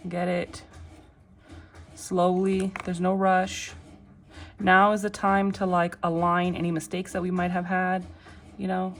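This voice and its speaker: A woman giving a casual, step-by-step craft tutorial in a reassuring, unhurried way, often checking in, with machine noise behind her. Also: on the low side. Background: machines running, clicking sounds.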